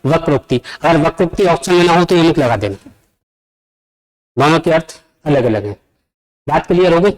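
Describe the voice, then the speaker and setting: High-voiced man teaching an exam-prep class. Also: normal speed, long pauses, low-quality recording. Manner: explains step by step, keeps asking the class questions. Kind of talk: exam-prep Hindi grammar lesson. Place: coaching classroom.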